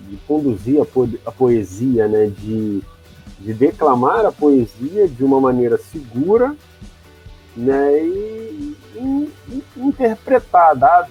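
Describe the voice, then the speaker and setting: A man's voice: mid-range voice, mellow, slightly rough, rough recording. A man hosting an interview, talking hesitantly and often adding tag questions. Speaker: interview host. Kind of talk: casual interview.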